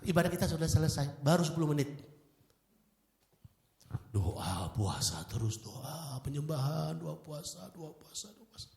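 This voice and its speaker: Animated male preacher in an echoey hall. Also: a little high, moderate pace, creaky. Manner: animated, acts out voices and stammers. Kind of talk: testimony sermon. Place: church hall.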